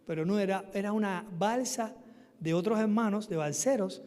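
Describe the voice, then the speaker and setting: Animated man telling his testimony. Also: high-pitched, moderate pace. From Cuba. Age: young adult. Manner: animated storytelling, shouting out quoted cries. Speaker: guest preacher. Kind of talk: testimony sermon. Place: church sanctuary. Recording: long church reverb.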